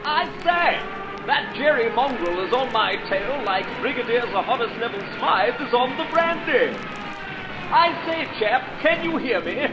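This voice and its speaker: A man's voice: very high-pitched, expressive, a little slow, pitched above the performer's own voice. A man voicing a pompous upper-class British fighter pilot from the First World War, full of bluster. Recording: dull audio under loud music.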